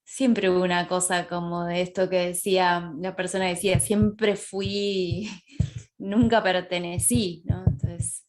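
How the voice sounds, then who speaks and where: A woman's voice: lowish voice, flat delivery, measured pace. A woman from Mexico, a panel guest recalling her childhood, searching for words with many fillers. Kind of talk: casual personal recollection.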